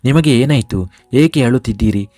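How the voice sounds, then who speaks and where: A man voicing a gentle, caring young woman who asks and comforts softly. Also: mid-range voice, moderate pace, no room sound, natural voice. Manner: soft, comforting questions.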